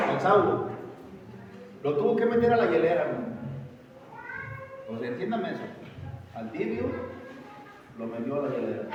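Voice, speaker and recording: Emphatic male preacher, fairly high voice, recorded from afar in a long-reverb church hall. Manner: emphatic, asks the congregation questions, repeats "hermano". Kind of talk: sermon. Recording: echoey hall, distant mic, muffled and noisy.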